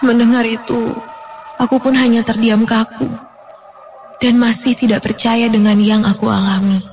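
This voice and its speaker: A woman narrating a first-person horror story in a dramatic way, her voice climbing high with fear at the tense moments. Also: level tone, normal speed, a little mellow, rough recording. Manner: dramatic, rising to frightened high pitch. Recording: music playing behind the voice.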